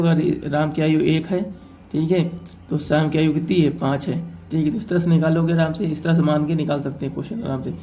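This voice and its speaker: A man teaches an exam-prep math lesson. His voice sits a little high and stays flat in tone, with a mellow, dark color. He talks it through step by step and keeps checking in with his students. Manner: explains step by step, often checking with "ठीक है".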